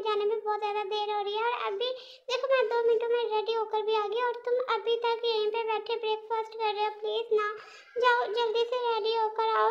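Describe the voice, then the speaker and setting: A woman's voice: very high voice, highs cut off. A woman voicing a bossy middle-aged mother who nags and scolds her grown son. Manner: nagging, threatens with a slipper.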